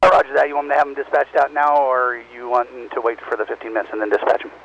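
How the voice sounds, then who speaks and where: A gravelly-voiced man answering as a dispatcher over a crackly two-way radio, in brisk procedural replies. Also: mid-range voice, flat delivery. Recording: dull lo-fi radio, faint noise.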